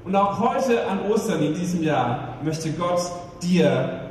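Male pastor, high voice, emphatic sermon delivery; distant mic, long echo, faint noise. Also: expressive. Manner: emphatic preaching, rhetorical questions, slows down for emphasis. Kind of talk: Easter sermon.

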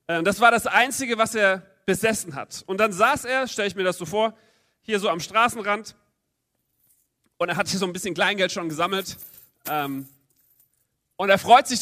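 A man's voice: high voice, sharp tone. A man preaching a sermon, reading a Bible story aloud and acting out the crowd and the voices, drawing the congregation in to play along. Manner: acts out the crowd and voices in the story, asks listeners to join in.

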